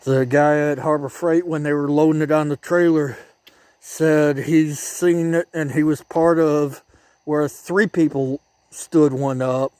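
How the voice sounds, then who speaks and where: A man narrating his own project vlog outdoors in a casual, halting way, thinking aloud as he works. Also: a little high, fairly even intonation, darkish tone, smooth, dry recording. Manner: chatty and halting, thinking aloud while working. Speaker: DIY vlogger. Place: outdoors by a driveway.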